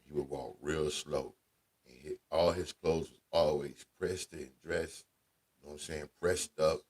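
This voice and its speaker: A man with a deep voice, telling casual family stories as a radio show host, laid-back and conversational with slang. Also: steady tone, measured pace, darkish tone, slightly rough. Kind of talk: casual storytelling monologue.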